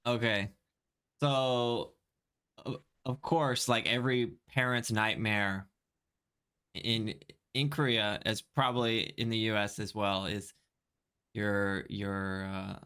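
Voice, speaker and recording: A man's voice: on the low side, fairly even intonation, slow pace, pauses often, pushed and bright, smooth. A man co-hosting a podcast in casual chat, laughing often and trailing off into restarts. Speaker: podcast co-host. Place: living in Korea.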